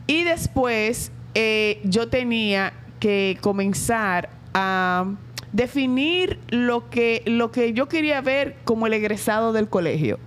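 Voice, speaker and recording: Speaking with a Dominican Spanish accent, a middle-aged Dominican woman who directs a school reflects on interview questions, pausing and hesitating often. She sounds a little high and expressive, over a slight hiss or hum.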